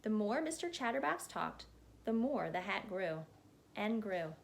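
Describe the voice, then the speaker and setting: A woman storyteller reads a children's picture book aloud in an expressive narrating style. Her mid-range voice is unhurried and creaky.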